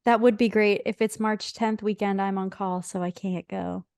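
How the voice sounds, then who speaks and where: A woman's voice: mid-range voice, fairly even intonation, normal speed, creaky, darkish tone, clear, resonant tone, no room sound, studio quality. A young woman in her twenties co-hosting a casual podcast chat, easygoing and direct. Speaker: podcast co-host.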